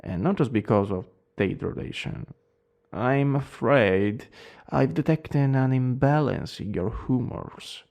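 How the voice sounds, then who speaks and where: A man acts out a plague doctor in a role-play, coldly polite and clinical, with an Italian accent. His mid-pitched voice crackles with gravelly fry. He speaks slowly and formally, with sweeping rises and falls in intonation. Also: expressive, a little mellow. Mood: grave, lecturing. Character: cold, eerily polite male plague doctor.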